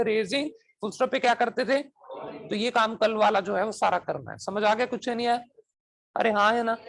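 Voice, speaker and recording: This coaching-class teacher has an extremely high-pitched, fairly bright voice. He repeatedly asks whether students follow, drills them with questions, and alternates between Hindi and English demonstration phrases.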